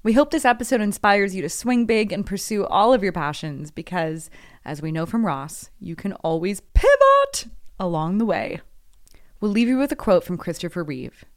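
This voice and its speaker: A woman's voice: mid-range voice, moderate pace, no room sound, clean studio sound. A woman hosting a podcast interview, affirming and encouraging her guest. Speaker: podcast host. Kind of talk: casual interview chat.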